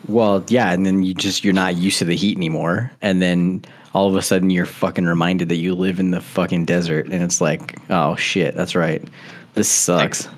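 A man's voice: deep voice, little pitch movement, brisk, few pauses. A man co-hosting a podcast over a video call, chatting casually and rambling with loose swearing. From Arizona. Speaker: podcast co-host. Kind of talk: casual chat.

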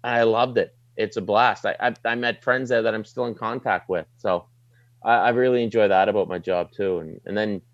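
A man's voice: on the low side, fairly even intonation, moderate pace, no echo, dull audio. A middle-aged man with a light Maritime Canadian accent, chatting casually and informally in an interview as a sports broadcaster, plain-spoken and slangy. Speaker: sports broadcaster, desk anchor.

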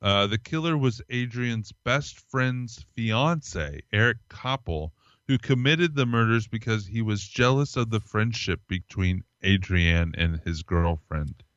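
A man's voice: on the low side, measured pace, fairly bright tone, clean tone, no echo, dull audio. A man co-hosting a podcast, reading strange news stories aloud in a casual chat, with small laughs and fillers. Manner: reads from articles, laughs, hesitant fillers. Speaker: podcast co-host.

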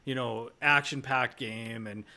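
A man's voice: mid-range voice, steady tone, a little slow, pushed and bright. A man from Northern Canada, around his thirties, hosts a podcast. He talks casually and rambles, leaning on fillers as he builds to his questions. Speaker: podcast host.

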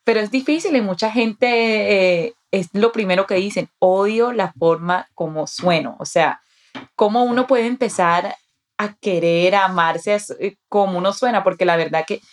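A woman's voice: mid-range voice, normal speed. Colombian woman, podcast host, chatty, uses lots of "o sea". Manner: conversational, many "o sea" fillers. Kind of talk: casual interview chat. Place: podcast studio.

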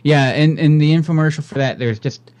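A man's voice: a little high, brisk, darkish tone, dry recording. Dry-joking man, close dry sound. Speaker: co-host. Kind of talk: casual comedic chat.

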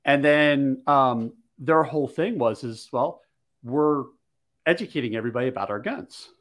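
A man from Maryland talks casually on his podcast, with a voice pitched in the ordinary middle range. He tells stories with energy and acts out both sides of each conversation. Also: moderate pace. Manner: animated storyteller acting out quoted dialogue. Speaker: podcast host. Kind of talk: casual storytelling chat.

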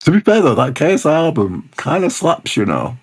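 A man's voice: fairly high pitch, wildly swooping pitch, a little fast, breathy edge. A young man, bantering casually about music in a laid-back, slangy way.

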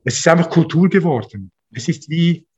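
A man's voice: a little high, expressive, moderate pace, darkish tone, husky, dull audio. A man, a pastor talking earnestly in an interview, often restarting and repeating words. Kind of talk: interview, casual conversation.

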